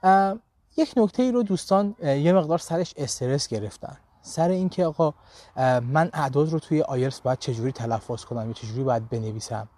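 A man's voice: on the high side, warm tone. A man teaching a live online language lesson, with a Persian accent in his English, talking animatedly and checking in with his students often.

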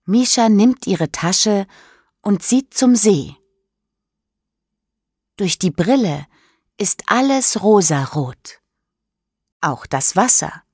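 A woman reading a children's story aloud in a clear, careful way, lifting her voice for the characters' lines. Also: medium pitch, lively intonation, slow, long pauses, a little mellow, dry recording, studio quality. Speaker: audiobook reader. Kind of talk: scripted storybook narration.

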